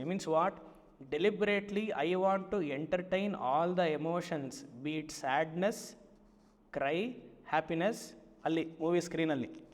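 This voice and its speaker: A man, a spiritual teacher giving a Vedanta discourse, who stretches key phrases slowly and keeps asking his listeners rhetorical questions. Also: on the high side, long reverb tail. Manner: slow, drawn-out emphatic phrases and frequent rhetorical questions.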